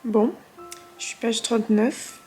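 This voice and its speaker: Husky woman vlogger rambling about art, lots of euh, soft music in the back. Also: on the high side, steady tone, takes it slowly. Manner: chatty, with fillers and half-whispered asides. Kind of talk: casual chat.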